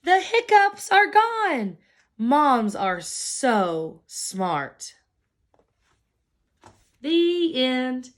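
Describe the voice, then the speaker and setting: A preschool teacher reads a picture book aloud to young children, her storytelling slow and expressive. Her voice sits high.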